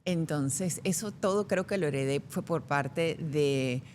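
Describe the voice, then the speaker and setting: Low-voiced actress woman from Venezuela. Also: unhurried, slight background noise. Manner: lively anecdotal storyteller. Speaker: actress guest. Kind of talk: casual interview chat.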